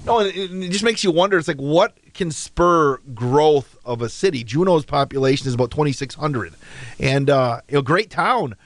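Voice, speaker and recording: A man's voice: on the high side, expressive, moderate pace, dry recording. An American man hosting local radio, chatting casually and giving local updates.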